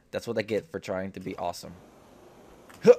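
A man's voice: low-pitched, fairly even intonation, measured pace, mellow, husky. A young man giving casual gameplay commentary, repeating short phrases to himself. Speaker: gaming video host.

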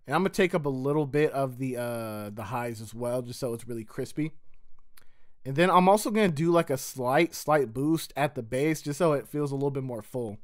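A man's voice: mid-range voice, lively intonation, fairly quick. A man, a music producer, casually walking through his mixing steps in a slangy, laid-back tutorial voice.

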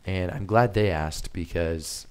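A very low-voiced man preaching a sermon in an easy, conversational way. He stops and restarts often and fills his pauses with "uh" and "and", and his voice sounds a little strained. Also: a little mellow, clean tone. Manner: hesitant, many fillers and restarts. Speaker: missionary preacher.

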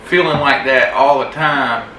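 A man's voice: mid-range voice, measured pace, bright, forceful tone. A man co-hosting a casual vlog chat, plainly explaining things to viewers. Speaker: co-host. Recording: roomy echo, distant mic, faint background noise.

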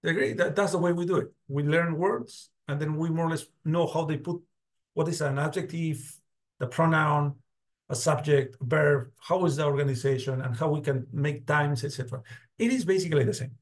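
Over a video call, a man lectures his university class briskly in a slightly high voice. He often begins words again and regularly checks in with "got it?" and "do you agree?"

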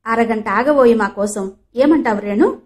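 A woman's voice: on the high side, a little slow, darkish tone, lightly acted. A woman voicing a fussy, squeamish young city man who scolds in a raised voice in an audiobook. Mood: scolding.

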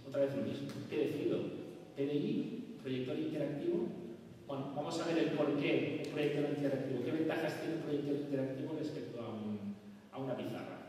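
A man's voice: on the high side, a little hiss or hum. A middle-aged man with a Spanish accent from Spain giving a conference presentation on stage, quizzing the audience as he explains. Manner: lively, asks the audience questions. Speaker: conference speaker. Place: large hall with stage. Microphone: far camera, room mic. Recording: echoey hall from far off.

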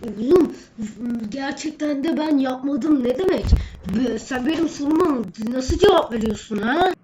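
A woman's voice: medium pitch, measured pace, dark tone, a little hiss or hum, close to an everyday voice, rough recording. A woman voicing a stern, bossy male schoolteacher who quizzes and scolds a pupil in a homemade skit. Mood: scolding. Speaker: social studies teacher character.

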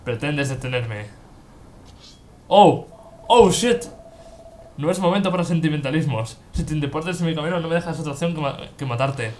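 A man voicing a solemn male angelic mentor turned traitor in a video game, speaking slow and grave in a lowered voice. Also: slight background noise, natural voice. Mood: menacing.

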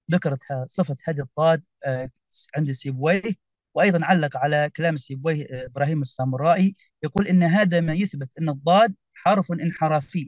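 A man presenting a research paper at an online conference, hesitant with many fillers, reciting verses slowly. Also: on the high side, dry recording, dull audio.

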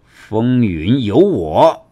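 A man voicing a calm, self-assured young male cultivator who makes cold, matter-of-fact threats in a storybook reading. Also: lowish voice, measured pace, dull audio, full character voice.

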